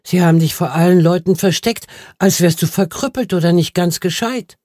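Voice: mid-range voice, moderate pace, a little mellow, dry recording, pitched above the performer's own voice, natural voice. An audiobook reader voicing a dry, loyal old male gardener who speaks plainly and matter-of-factly.

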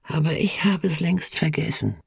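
A reader voicing a frail, gentle older village woman in a storybook reading, soft and earnest. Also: medium pitch, expressive, normal speed, vocal fry, breathy edge, no room sound, clean studio sound, voice pushed up, heavily acted. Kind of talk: audiobook reading.

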